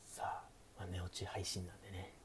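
A man streaming soft, sleepy bedtime talk, hushed and often slipping into a half-whisper. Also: sits low, completely flat delivery, fairly quick. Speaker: streamer, show host. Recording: faint background hiss.

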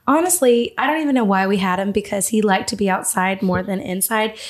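A woman's voice: medium pitch, a little fast. A woman in her twenties hosting her own podcast, chatting casually and laughing often at herself. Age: 20s. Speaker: podcast host.

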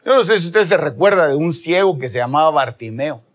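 A man preaching a sermon, calling his listeners brother and swinging from hushed near-whispers to loud, impassioned shouting. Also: a little high, lively intonation, brisk. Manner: calls the listeners "hermano", acts out voices in the story.

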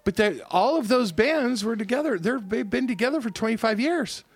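A man co-hosting a casual music podcast, animated, now and then putting on a singsong radio DJ delivery. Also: very high voice, fairly quick, slightly rough, no echo. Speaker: podcast co-host.

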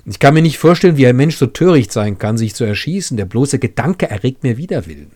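A man reading aloud the lines of a sober, rational young gentleman who speaks impatiently and disapprovingly. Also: mid-range voice, big pitch swings, fast.

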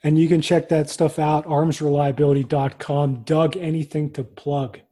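A man's voice: a little high, flat delivery, normal speed, mellow, slightly rough. A man hosting a podcast panel over a video call, upbeat and enthusiastic as he thanks his guests. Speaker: podcast host. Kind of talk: casual panel chat.

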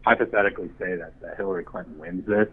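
A man calls in over a thin, tinny phone line, sounding boxed-in and narrow. He talks politics casually, swearing freely and thinking aloud in an animated way. His voice sits a little on the low side. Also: fast talker, slightly rough. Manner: profane, animated speculating. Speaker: caller.

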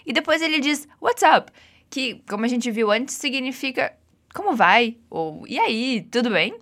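A woman's voice: high voice, sing-song, a little slow, fairly bright tone. A woman with a Brazilian Portuguese accent teaching English phrases, patient and encouraging as she drills repetitions. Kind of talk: guided language lesson.

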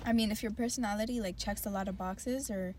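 A woman's voice: mid-range voice, fairly even intonation, fast talker, a little mellow, slight background noise. A young woman co-hosting a podcast, thinking aloud in casual chat, hedging with lots of "like" and "you know". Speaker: podcast co-host.

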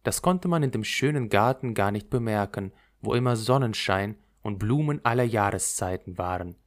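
Expressive male fairy-tale reader. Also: on the low side, normal speed. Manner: expressive, melodic storytelling. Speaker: narrator.

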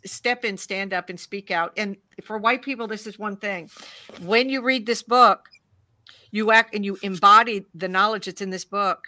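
Bright, emphatic woman lecturing. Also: mid-range voice, no room sound. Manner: emphatic, lecturing, urges action. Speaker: panel guest. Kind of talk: panel discussion.

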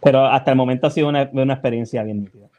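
A man, a radio DJ guest on a podcast, telling stories in a lively way and acting out his own reactions. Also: medium pitch, very fast. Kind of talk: casual podcast storytelling.

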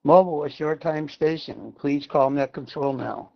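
Man, net control operator, gravelly tone, formal on-air calling, heard over fading shortwave radio with dull lo-fi sound. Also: a little high. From Massachusetts, USA. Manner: measured, formal on-air calling, spells call signs phonetically. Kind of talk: amateur radio net procedure.

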